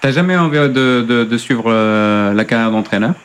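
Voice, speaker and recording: A man co-hosting a radio show, asking leading, probing questions in a relaxed, hesitant way. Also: mid-range voice, normal speed, clean tone. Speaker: radio co-host, interviewer. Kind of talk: casual radio interview.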